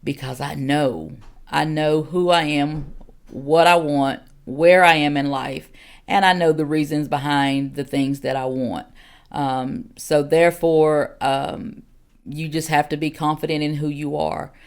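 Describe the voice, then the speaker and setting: A woman in her forties talks straight to her listeners as a church elder giving a podcast teaching. Her voice has a gravelly fry, and she stays earnest and direct. She fills her pauses with "um" and asks the same question again and again. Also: deep voice, steady tone. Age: 40s.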